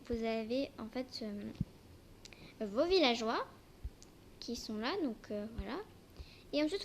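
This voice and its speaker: A young female speaker with braces slightly impeding her articulation, casually and hesitantly presenting a game in a homemade video. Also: a little high. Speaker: amateur video creator. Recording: noisy homemade recording with clicks.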